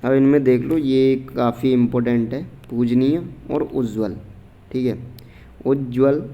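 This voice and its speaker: A man's voice: mid-range voice, fairly even intonation, moderate pace, dull audio. A man teaching a casual exam-prep grammar lesson, talking informally to students, going through answer options and checking often that they follow. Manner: informal, repeats "theek hai" often, reads out answer options.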